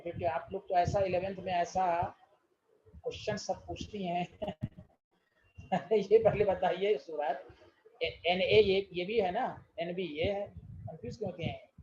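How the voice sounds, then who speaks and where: A man's voice: high-pitched, darkish tone, dull audio, slight background noise. A man teaching chemistry in an online class, exasperated and quizzing his students again and again.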